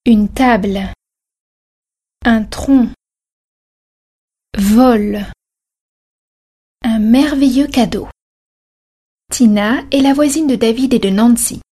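A woman narrating a children's story in a slow, careful reading voice. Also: on the high side, dark tone, husky.

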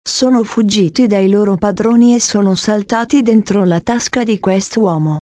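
A woman reading a calm male police officer. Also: mid-range voice, normal speed, no echo, clean studio sound, close to an everyday voice.

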